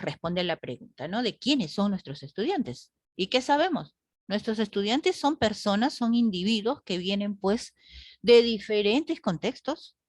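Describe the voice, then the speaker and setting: A woman's voice: medium pitch, dry recording, studio quality. A woman teacher lecturing a class online, asking the group rhetorical questions and often adding "¿no?".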